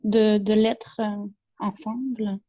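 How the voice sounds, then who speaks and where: A woman's voice: medium pitch, level tone, slow pace, warm tone. A woman student answering hesitantly in class, unsure and asking for help.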